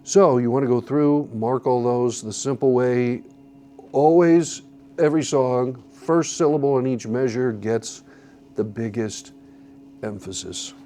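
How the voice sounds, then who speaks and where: Male church music instructor, unhurried delivery, mellow low-key tone, faint room ambience. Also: a little hiss or hum. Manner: patient, methodical, counts beats aloud. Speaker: song leading instructor. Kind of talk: classroom instruction. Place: church classroom.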